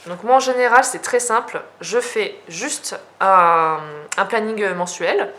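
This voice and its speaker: Young French woman, casual vlog chat, hesitant and filler-heavy, mid-pitched voice, faint noise behind. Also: expressive, slow, fairly bright tone. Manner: chatty, hesitant, many fillers and restarts. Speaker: journaling vlogger. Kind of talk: casual show-and-tell.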